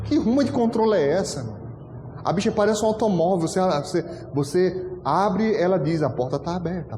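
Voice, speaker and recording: A pastor preaching a storytelling sermon, animated and acting out dialogue with frequent laughter. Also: male voice, a little high, slight background noise. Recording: echoey hall with long reverb.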